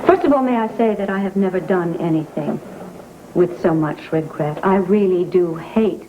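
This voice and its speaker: A haughty rich rival on worn VHS tape. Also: female voice, fairly low pitch. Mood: formal. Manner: formal, measured, faintly haughty phrasing. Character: scheming rich woman rival, formal and deliberate. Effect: worn VHS tape copy. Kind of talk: 1980s TV soap opera acting. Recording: dull, hissy worn VHS tape audio.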